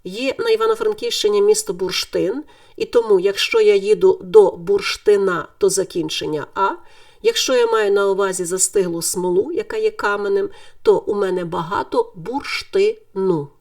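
Female teacher, lively pitch, slightly gravelly, a bit distant from the mic. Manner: clear, deliberate, stresses word endings. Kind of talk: scripted grammar lesson.

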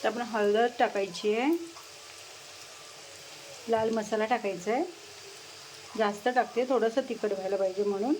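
A woman's voice: medium pitch, fairly even intonation, normal speed, pauses often. A woman, explaining a home cooking recipe step by step and chatting to her parrot between steps. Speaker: home cook. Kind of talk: cooking demonstration. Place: home kitchen. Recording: loud kitchen noise. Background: sizzling pan and clattering pots.

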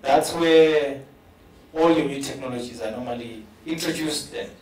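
A man with a South African English accent speaks earnestly as a professor on a conference panel, often repeating words as he builds his point. His voice is medium-pitched and a little mellow, with fairly even intonation and a moderate pace. He uses a handheld mic and is picked up from a distance in a roomy hall.

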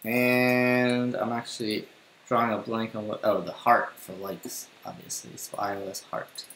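A man's voice: lowish voice, level tone, a little slow, a bit bright. A young man teaching coding in a casual screencast, talking to himself as he types. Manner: casual, thinking aloud while typing. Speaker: coding tutor. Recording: roomy home recording with faint hiss.

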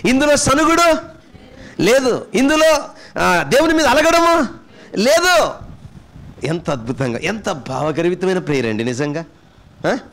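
A man preaching with a Telugu accent, questioning his congregation and swinging between loud and soft passages. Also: sits high, sing-song, unhurried, pauses often. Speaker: pastor. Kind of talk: sermon.

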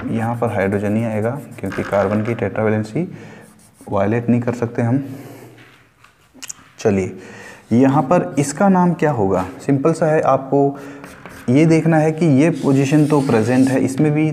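A man's voice: mid-range voice, dark tone, in a large hall, slight background noise. A male chemistry teacher giving an online lecture, explaining step by step, mixing English terms into Hindi, repeating key words and asking the class questions.

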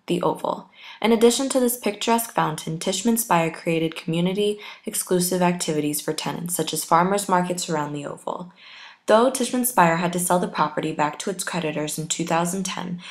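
Young woman, lower-pitched voice, steady scripted tour-guide narration. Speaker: student narrator.

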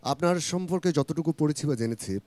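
A man's voice: a little high, a little fast, a little mellow, no echo. A male TV host opening a studio interview, who welcomes his guest and puts questions to him in a formal, polite way.

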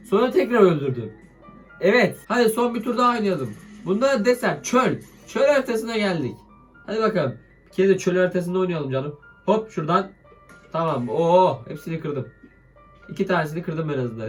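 Young male gaming YouTuber with a sick, strained, high voice. Excitable and playfully cursing, with light music underneath. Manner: excitable, swears playfully at the game. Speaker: mobile game YouTuber. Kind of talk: casual gameplay commentary.

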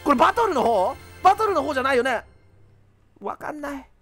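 A young man doing let's play commentary, rough-talking and exasperated, laughing often. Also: extremely high pitch, very animated, brisk, fairly bright tone, faint music behind. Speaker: game commentator.

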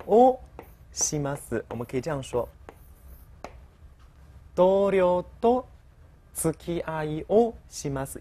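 A woman's voice: a bass voice, darkish tone. A woman teaching a vocabulary lesson, explaining step by step and saying each new word twice for the learner to repeat. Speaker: Japanese language teacher.

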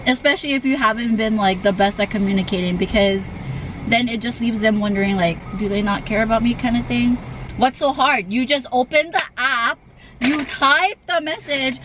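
A young woman chatting casually with a friend, swearing often and breaking into laughter as she tells stories. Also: sits high. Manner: swearing, laughing, animated storytelling. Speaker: vlogger. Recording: distant mic with loud background noise.

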